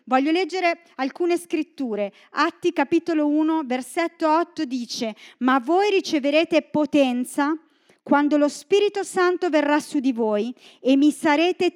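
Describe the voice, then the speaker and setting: A woman from northern Italy preaching a sermon in a church, reading scripture and joking with the congregation. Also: high-pitched. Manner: lively, joking asides to the congregation.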